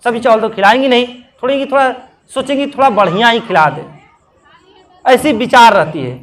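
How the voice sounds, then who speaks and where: Male religious storyteller, high voice, lively, humorous. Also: fairly quick, a faint crowd. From Bihar. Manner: lively, humorous, talks to the audience. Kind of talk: devotional storytelling sermon.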